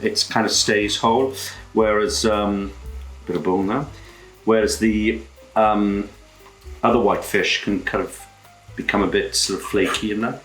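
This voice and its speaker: A man's voice: fairly low pitch, fairly even intonation, a little slow, long pauses, fairly bright tone, reverberant, faint music behind, poor audio. A British man with a camp, cheeky manner, casually presenting a cooking demonstration as a home cook. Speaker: home cook presenting own recipe show. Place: indoor kitchen.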